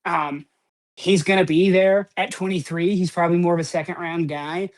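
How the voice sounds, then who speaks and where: A man's voice: high voice, steady tone, moderate pace. A man co-hosting a podcast, talking sports in a rambling, casual way, full of "um" and "like" and casual swearing. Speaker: podcast co-host.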